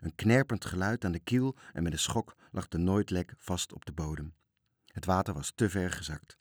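A man reading a children's story aloud in a calm, even storytelling manner. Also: low-pitched, moderate pace, slightly rough, no echo, studio quality.

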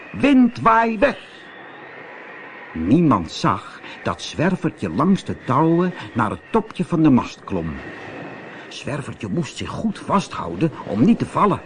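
A man reading a children's story aloud as narrator, slow and expressive. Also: medium pitch, a little hiss or hum.

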